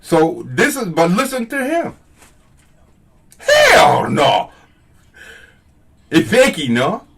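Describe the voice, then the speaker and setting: A man's voice: sits high, very animated, moderate pace, a bit bright, a little hiss or hum. A man streaming live, talking casually to his viewers in an emphatic, repetitive, preachy way.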